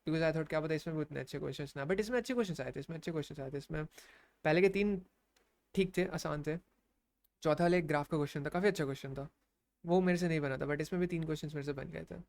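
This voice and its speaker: A man's voice: on the high side, fast talker, creaky, darkish tone, no echo. A young man with an Indian accent, casually rambling about competitive programming, mixing Hindi and English.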